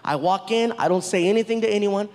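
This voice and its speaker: A male comedian telling a stand-up story on stage in a large venue, animated and quick to laugh. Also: high-pitched. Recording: long reverb of a big hall.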